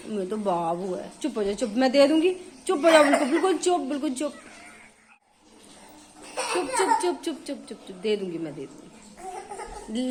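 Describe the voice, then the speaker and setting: A mother at home talking to her crying children from a distance in a high, sing-song, coaxing way. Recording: voice from across a noisy room.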